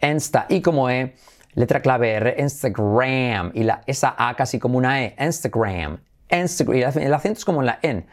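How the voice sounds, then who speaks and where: Energetic bilingual teacher. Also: male voice, medium pitch, fast talker. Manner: energetic, repeats drill phrases, switches between Spanish and English. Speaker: English teacher, channel host. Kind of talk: bilingual English pronunciation lesson.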